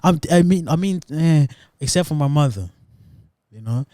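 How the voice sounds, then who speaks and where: Young male co-host, casual and profane, slightly high voice, dry close recording. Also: expressive, normal speed, warm tone, no room sound. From Africa. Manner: slangy and profane, rambling storyteller. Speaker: podcast co-host. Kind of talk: casual chat.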